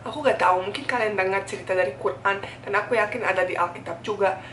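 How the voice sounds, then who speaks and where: A woman's voice: medium pitch, fast talker, fairly bright tone. A foreign woman from Bosnia, speaking colloquial Indonesian as an in a candid, earnest, emphatic talk to camera, often repeating phrases. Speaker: food YouTuber. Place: indoors at home. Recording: echoey room, distant mic, faint noise.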